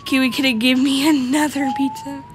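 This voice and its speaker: A woman's voice: high voice, little pitch movement, fairly quick, slight background noise. A woman giving casual gameplay commentary, rambling as she lists items aloud and giggles often. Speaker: gamer.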